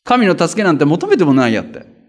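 Man, pastor, conversational sermon, fairly high voice, lively and colloquial. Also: fast. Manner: animated, colloquial, sound words.

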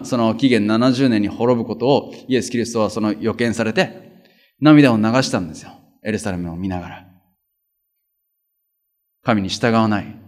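A man preaching as a pastor, in a lively, colloquial way with vivid sound words. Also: on the low side. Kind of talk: conversational sermon.

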